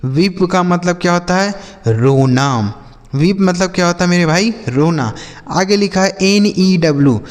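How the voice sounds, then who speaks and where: A man's voice: sits high, expressive, a little slow, big-room sound. A man teaching children to read, patiently asking questions and answering them himself. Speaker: English teacher. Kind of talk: YouTube reading lesson for children.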